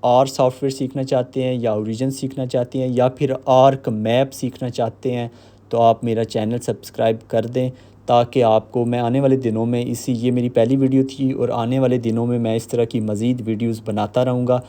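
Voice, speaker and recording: A man giving a screen-recorded software walkthrough, explaining step by step with filler pauses. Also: mid-range voice, level tone. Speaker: software tutorial host.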